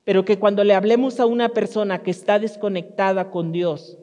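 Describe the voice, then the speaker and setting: A very high-voiced man preaches a conversational sermon, talking directly to the congregation and often restarting his sentences. His voice rings with the long reverb of a church hall. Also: steady tone, fairly quick, darkish tone. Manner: speaks directly to the congregation, storytelling with frequent restarts. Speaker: pastor.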